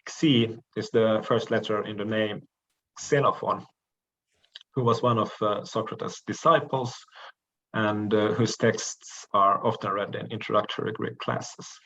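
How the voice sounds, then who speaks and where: A man giving a recorded lecture, explaining each letter in a measured way with frequent pauses and the odd throat clearing. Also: fairly low pitch, fairly even intonation, bright, forceful tone, highs cut off.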